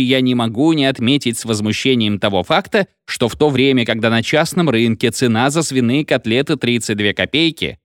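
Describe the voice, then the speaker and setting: A man's voice: mid-range voice, no echo, studio quality, natural voice. A man doing a droning, flustered meeting speaker. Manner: mechanical droning, repeats himself.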